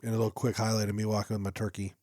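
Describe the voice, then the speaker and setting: A man's voice: on the low side, racing, no room sound, clean studio sound. A young man co-hosting a hunting podcast, chatting casually in a rambling way full of asides. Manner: rambling and animated, trailing off into asides. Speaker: podcast co-host. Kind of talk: casual chat. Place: small hunting shop studio. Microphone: headset or boom mic.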